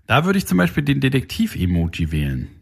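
A man's voice: medium pitch, wildly swooping pitch, quick pace, creaky, breathy edge. A man co-hosting a podcast in casual comedic chat, joking around and dropping into silly sounds. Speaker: podcast co-host.

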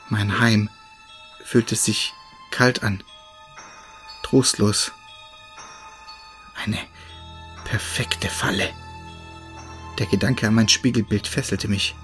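A man narrating a first-person horror story in a measured, ominous storytelling voice. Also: fairly low pitch, a bit bright. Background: faint music.

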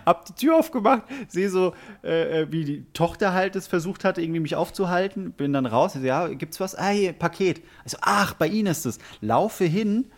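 Barely pausing, a man with a higher-sitting voice and moderate pace spins a funny story as co-host of a casual podcast, an animated storyteller who performs his own reactions as he goes.

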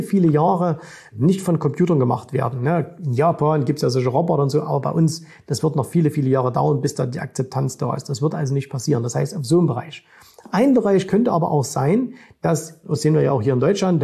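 A man's voice: on the high side, creaky, dark tone, breathy edge. A middle-aged man, a finance coach, talking casually to camera and keeps checking in with the viewer. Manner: direct, keeps addressing the viewer with "ne?" and "So.". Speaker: finance and stock-market coach.

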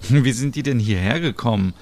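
A man voicing a sweet, soft-hearted young woman who gushes easily. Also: mid-range voice, moderate pace, natural voice. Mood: curious. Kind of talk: voicing characters in a narrated story.

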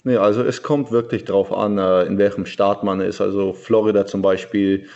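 A young man living abroad, answering an interview in a plain, slightly halting way over a remote call. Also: lowish voice, flat delivery, gravelly, a little mellow. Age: young adult. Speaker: guest, athlete living in the USA. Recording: dull lo-fi remote audio.

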